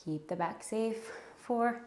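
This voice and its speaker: A woman's voice: on the high side, takes it slowly, darkish tone, echoey room. A woman leading a home workout, counting reps and giving encouraging cues while out of breath. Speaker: fitness instructor. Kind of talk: guided home workout instruction. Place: home room.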